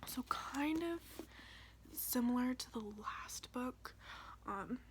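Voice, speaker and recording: A woman doing a whispered role-play as a librarian, softly recommending books in an informal, halting way. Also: fairly high pitch, lively intonation. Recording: clearly audible background noise.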